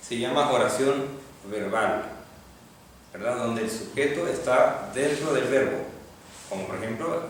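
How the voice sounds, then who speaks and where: A man teaching a Hebrew grammar class, patiently explaining step by step and checking in with students. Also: mid-range voice. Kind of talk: classroom lecture. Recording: echoey classroom from far off, faint noise.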